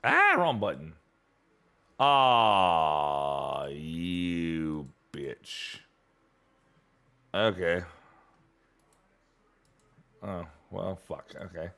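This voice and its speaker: A man with a lowish voice narrates his own gameplay for a live stream. He talks slowly, his pitch jumping around as he grumbles, swears and chats casually with viewers. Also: big pitch swings, vocal fry, pushed and bright. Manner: profane, easily annoyed, talks to himself.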